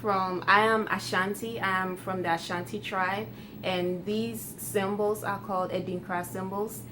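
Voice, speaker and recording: Speaking to camera, a woman in her 20s from Ghana with Twi as her native language chats casually and warmly with her viewers as a YouTuber, laughing lightly now and then. She has a medium pitch, fairly even intonation and a measured pace, with music playing behind her.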